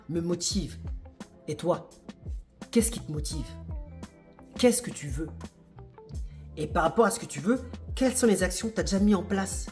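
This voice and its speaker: A man's voice: high-pitched, darkish tone. A man giving an emphatic motivational monologue to camera, asking the viewer rhetorical questions. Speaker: real estate investor and video host.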